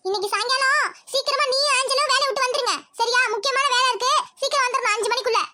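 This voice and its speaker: A woman voicing several characters in a family cartoon comedy, talking fast. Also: extremely high pitch, sharp tone, dry recording, studio quality.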